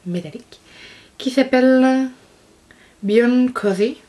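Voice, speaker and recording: A woman's voice: sits high, slow pace, mellow. Gushing young French woman vlogger. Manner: enthusiastic, gushing, laughs often. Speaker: beauty vlogger. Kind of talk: casual haul video chat.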